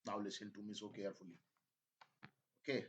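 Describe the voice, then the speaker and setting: Slow-speaking teacher, man. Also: on the low side, level tone, low-quality recording. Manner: mixes Hindi and English, coaxing and repetitive. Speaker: English teacher. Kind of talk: classroom listening lesson, slow dictation.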